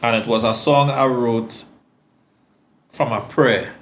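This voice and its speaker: A man's voice: medium pitch, fairly even intonation, takes it slowly, a bit bright, a little hiss or hum. A Trinidadian man, a guest singer-songwriter, talking casually on a podcast and telling stories with frequent stammered restarts.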